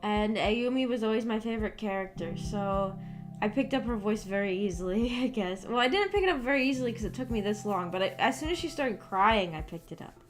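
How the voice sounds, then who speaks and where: A woman livestreamer who hosts a visual novel book club chats casually with viewers in a mid-range, animated, brisk voice. She is giggly and rambling, saying "like" constantly, and music plays in the background.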